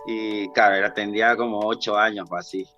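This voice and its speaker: Bright-voiced Ecuadorian man, rambling chat. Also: fairly low pitch, flat delivery, brisk, muffled recording, faint music behind. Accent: Ecuadorian Spanish. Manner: chatty, rambling with many restarts. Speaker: guest dancer. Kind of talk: casual podcast interview.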